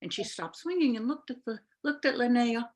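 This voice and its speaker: A woman storyteller spinning a fairy tale for a live audience over a video call. Her telling is expressive and unhurried, with long pauses that let images settle. Her voice sits a touch high.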